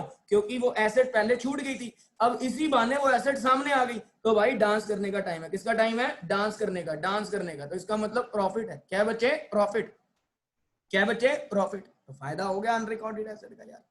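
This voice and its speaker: A man gives a lively accounting lesson in a high voice. He acts out little reactions of joy and dismay. He quizzes his students and answers for them. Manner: asks students questions and answers them himself. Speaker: accounting teacher. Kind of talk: classroom lecture.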